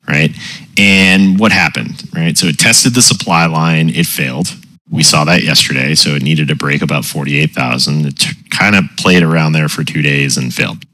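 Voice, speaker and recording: A man hosting a community call through a voice changer that pitches his voice very deep, chatting casually and checking in with "right?" and "you know". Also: dry recording, poor audio. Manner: relaxed, explains with frequent "right?" and "you know". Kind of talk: casual chat.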